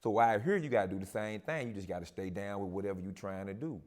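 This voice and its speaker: A man with a low voice is a guest on a casual talk show. He speaks calmly and steadily, reflective, with Southern slang. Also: fast talker.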